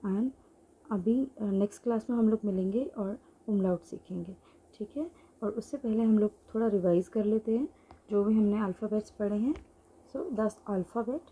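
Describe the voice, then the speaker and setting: A woman's voice: medium pitch, moderate pace, slightly rough, narrow, tinny audio. A woman teaching an online language lesson, explaining patiently while writing things out and mixing in English phrases. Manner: writes on a board while explaining.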